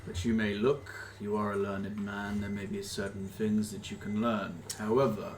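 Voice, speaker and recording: Man playing a low, haughty, menacing hoard guardian. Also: flat delivery, moderate pace, slight background noise, lightly acted. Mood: stern, threatening. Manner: formal, condescending, curt.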